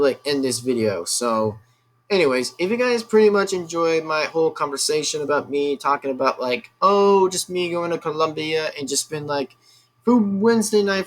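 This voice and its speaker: A man's voice: a little high, fairly bright tone, a little hiss or hum. A man hosting his gaming channel in casual vlog talk, rambling and repeating himself with many fillers, firm and insistent. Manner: rambling and repetitive, full of fillers. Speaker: YouTube gaming channel host.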